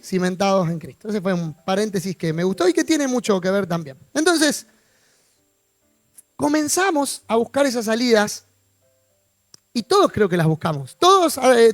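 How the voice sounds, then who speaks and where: High-voiced Rioplatense man preaching. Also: dry recording. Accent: Rioplatense Spanish. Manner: informal, asks the congregation questions, joking asides. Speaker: pastor. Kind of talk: conversational sermon. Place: church.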